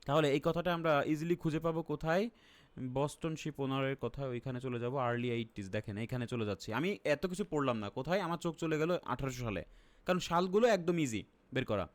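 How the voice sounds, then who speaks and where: A man's voice: mid-range voice, brisk. A man with a Bangladeshi accent teaching an exam-prep lesson online. He keeps asking his viewers questions and then answers them himself. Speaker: IELTS teacher.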